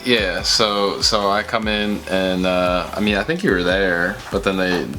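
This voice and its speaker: Young guy with a really deep voice, chill, short dry answers. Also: a little slow, music in the background. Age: young adult. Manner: laid-back, short dry replies. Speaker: boyfriend guest. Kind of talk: casual chat.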